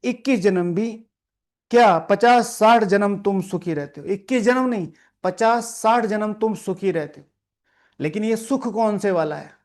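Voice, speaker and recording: In an unhurried, high voice, a man delivers a sermon with explanation to a seated class in a meditation hall with a live audience. He reads the spiritual lesson aloud, explains it, scolds his listeners, repeats lines, asks the room questions, and often checks in with "theek hai."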